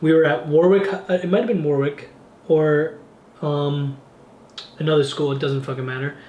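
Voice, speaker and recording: A man's voice: a little high, fairly even intonation, normal speed, a little mellow, lo-fi sound, a little hiss or hum. A man in his twenties hosting a podcast, joking around and swearing casually as he chats. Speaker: podcast host. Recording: echoey room.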